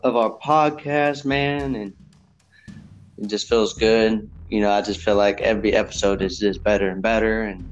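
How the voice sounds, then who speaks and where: A man co-hosting a casual podcast, talking in an easygoing, drawn-out way with many fillers. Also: on the low side, highs cut off. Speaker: podcast co-host.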